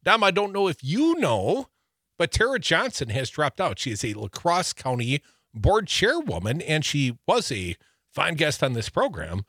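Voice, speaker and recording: A man's voice: fairly high pitch, big pitch swings, unhurried, a bit bright, dry recording, studio quality. A man from Wisconsin co-hosting a political talk show, reading news items aloud with wry, joking asides. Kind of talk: casual political banter.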